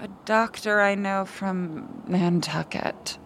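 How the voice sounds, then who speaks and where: A woman's voice: mid-range voice, slow, a little hiss or hum. An actress playing a crude, upbeat hungover young woman who swears freely. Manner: brash, profane, animated.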